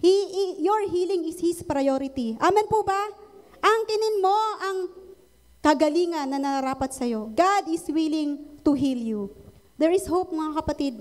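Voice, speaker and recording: A woman's voice: high voice, expressive, measured pace, darkish tone. A woman with a Filipino accent preaching a sermon, switching between Tagalog and English and often asking the congregation for an amen. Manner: mixes Tagalog and English, asks congregation for amens.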